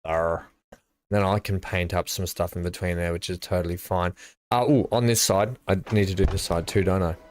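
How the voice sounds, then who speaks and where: This gaming streamer's low voice moves at a moderate pace, recorded with no echo. He casually talks through his build on the live stream, relaxed and mumbling about where things should go.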